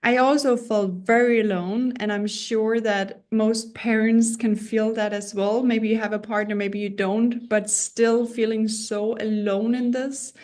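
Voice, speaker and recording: She's a woman from Denmark in her thirties, and her Danish accent shows as she gives the introduction to an online parenting course she teaches. Her pitch is on the high side and a little mellow, her delivery flat and a bit slow with few pauses. The tone is earnest and personal, with small restarts and self-deprecating remarks.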